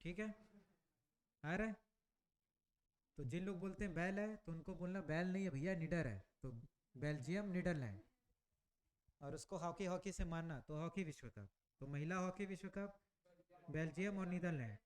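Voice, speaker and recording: A man's voice: high voice, normal speed, pauses often. A male teacher running an exam-prep class, building memory tricks and checking with students often. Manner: asks frequent check questions to the class.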